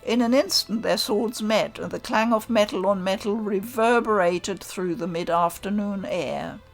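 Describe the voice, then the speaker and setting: A woman calmly reading a visual novel aloud in the first person. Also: medium pitch, unhurried, creaky, soft background music. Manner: calm, first-person storytelling. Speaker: narrator.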